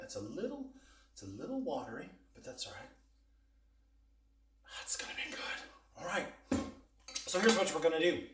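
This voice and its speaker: A man with a medium-pitched, slightly bright voice runs a homey cooking vlog, chatting folksily while he cooks and taste-tests. He's indoors in a kitchen, and the distant microphone picks up a roomy echo.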